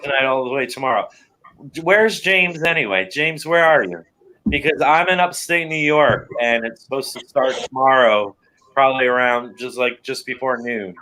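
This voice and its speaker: Man, casual livestream host, bright forceful tone, mid pitch, chatty and teasing. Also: moderate pace, a little hiss or hum, poor audio. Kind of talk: casual live chat.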